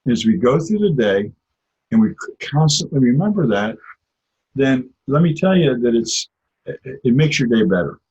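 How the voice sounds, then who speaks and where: A man's voice: mid-range voice, sing-song, normal speed, darkish tone, husky. A man teaching an informal religious class, talking in a conversational way and telling personal stories. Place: lives in Israel. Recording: dull lo-fi recording.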